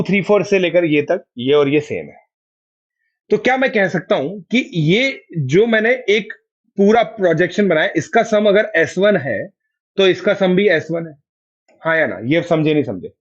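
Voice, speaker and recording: A man's voice: fairly high pitch, lo-fi sound. A man with an Indian accent teaching a math class online. He keeps coaxing his students to answer and confirm each step.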